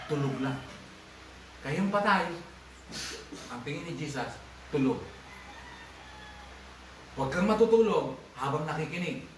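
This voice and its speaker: A man preaching a sermon as pastor, mixing Tagalog with English, swinging between loud emphatic bursts and low asides. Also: a little hiss or hum. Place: church hall. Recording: echoey church livestream, distant mic.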